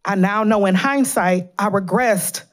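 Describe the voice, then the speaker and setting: A woman's voice: mid-range voice, a little slow. Woman in her thirties, earnest, pleading, emotional public statement, podium mic, council chamber. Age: 30s. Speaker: public commenter at city council. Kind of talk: reading a prepared public statement. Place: large indoor council chamber. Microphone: podium gooseneck microphone.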